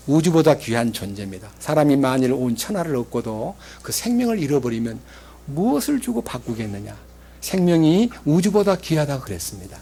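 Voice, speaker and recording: A male pastor preaching a sermon in an animated storytelling manner, swinging between loud emphasis and quiet asides. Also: mid-range voice.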